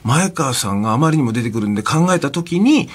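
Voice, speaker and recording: A man, a talk show guest, tells a long personal story with lively, swooping pitch. His voice is a little husky, and his standard speech slips into Kansai turns now and then. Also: a little fast. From born in Osaka area, raised in Tokyo. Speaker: guest, leader of a vocal group. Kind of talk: anecdotal storytelling.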